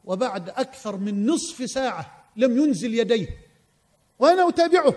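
A male preacher delivers an impassioned sermon in a very high voice. He tells his story with fervent oaths. His words ring out in a long reverb. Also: expressive, fairly quick, darkish tone.

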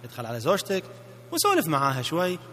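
Gulf Arabic male coach for a self-help tape, bright forceful delivery, coaxes listeners through repeat-after-me drills, hall reverb. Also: a little high, wildly swooping pitch, fast, slight background noise. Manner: playful, coaxing, repeats phrases for the listener to echo. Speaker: marriage coach. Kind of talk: recorded self-help audio lesson.

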